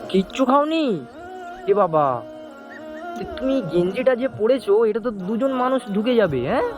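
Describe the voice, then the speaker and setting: A man vlogging in the street, gently coaxing and soothing a small child while making emotional asides to a friend. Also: extremely high pitch, lively intonation, moderate pace. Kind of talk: street vlog talking to a child. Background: music.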